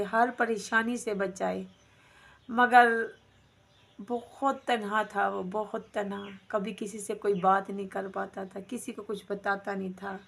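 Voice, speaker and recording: Middle-aged woman vlogging, sad and full of regret, keeps repeating herself, gravelly voice. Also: medium pitch, a bit bright. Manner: grieving, regretful, repeats phrases. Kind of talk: emotional personal storytelling.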